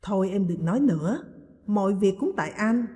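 A woman's voice: mid-range voice, lively intonation, fairly quick, dark tone, natural voice. A woman reading the part of a reassuring young man comforting his fiancée, in a reverberant space. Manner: soothing, reassuring.

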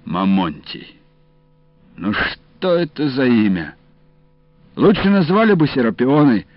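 A man voicing a gruff, mocking, warm-hearted old uncle in an audiobook, talking in slow sardonic banter. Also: mid-range voice, very animated, no echo, voice pushed up. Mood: gruff teasing. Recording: dull dry studio audio, faint music.

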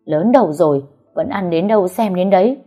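A woman's voice: lowish voice, animated, fairly quick, mellow, faint music behind. A woman doing a harsh, scolding mother-in-law. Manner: scolding and commanding.

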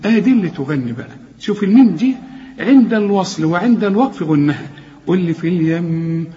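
A man with an Egyptian accent teaching Quran recitation, patiently correcting and slowly drawing out the words he recites as examples. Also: on the high side, dark tone. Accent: Egyptian Arabic. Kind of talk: tajweed lesson with recited examples. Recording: dull lo-fi audio in a long-echo hall.

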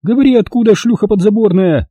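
Man voicing a shrill scornful woman. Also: very animated, fairly quick, dark tone, husky, no room sound, full character voice. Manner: coarse, scolding, shrill. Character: harsh scornful middle-aged woman of the house.

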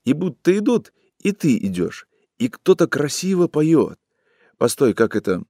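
A man voicing a drunk, desperate young man who pleads in a hushed, trembling voice through tears. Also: on the high side, very animated, a little slow, no room sound, studio quality, pitched above the performer's own voice. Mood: pleading, despairing.

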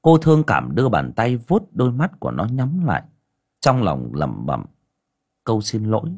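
A man narrating a village story as an audiobook in a dramatic, expressive way. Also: fairly low pitch, normal speed, breathy edge.

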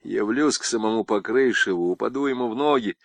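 A man reading an audiobook, voicing an excitable male convict and former pilot who shouts. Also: on the low side, fairly quick, gravelly, no echo. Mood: jovial.

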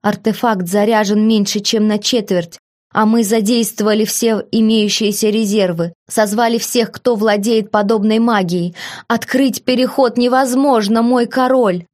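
A woman's voice: on the high side, fairly even intonation, measured pace, a little mellow, close to an everyday voice. A woman voicing an exhausted male court mage who gives a weary, faltering report in an audiobook. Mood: despairing. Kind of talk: audiobook character voice.

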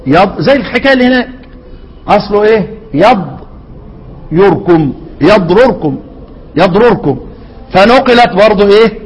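Egyptian man, quran teacher, high voice, quizzing questions, reverberant hall. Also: lively intonation, husky. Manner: quizzing students with rhetorical questions, slow deliberate repetition. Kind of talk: lesson explaining a classical poem on Quran readings.

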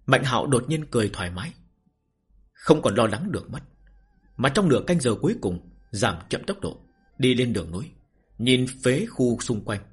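A man, the channel's host, reading a novel aloud in a calm, measured way. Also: medium pitch, breathy edge. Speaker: story reader and channel host. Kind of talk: scripted novel narration.

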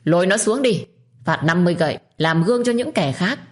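A woman voicing a spiteful, shrill older secondary wife who screams abuse at servants. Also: animated, moderate pace, darkish tone, natural voice. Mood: furious. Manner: shrieking, scolding, abusive.

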